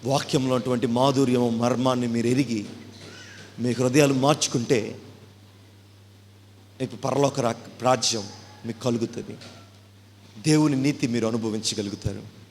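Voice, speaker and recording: A male pastor from India preaches with fervor, firing off volleys of rhetorical questions that build toward shouting. His voice sits at an ordinary middle pitch. A long hall reverb and faint background noise surround him. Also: steady tone, normal speed, pauses often. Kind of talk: sermon.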